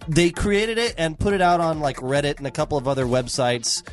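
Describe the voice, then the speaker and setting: A man's voice: fairly high pitch, lively intonation, a little fast, soft background music. A man co-hosting a casual comedy radio show, telling stories with many fillers and restarts. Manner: rambling storyteller with many fillers.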